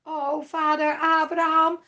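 A woman voicing an anguished rich man who pleads and begs from hell in a slow, high voice. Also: flat delivery, pushed and bright, highs cut off, full character voice. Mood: pleading. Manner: pleading, begging.

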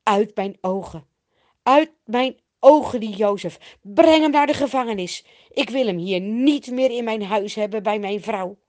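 A woman's voice: on the high side, unhurried, close to an everyday voice. A woman voicing a stern master of the house who angrily banishes his servant. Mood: outraged. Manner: loud, indignant outbursts. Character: stern master of the house, grown man, outraged.

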